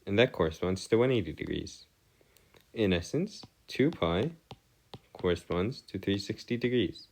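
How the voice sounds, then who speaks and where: A math tutor, a man with a low voice and lively intonation, gives an informal step-by-step lesson at normal speed. His phrasing is formal and wordy, and he hesitates and corrects himself along the way.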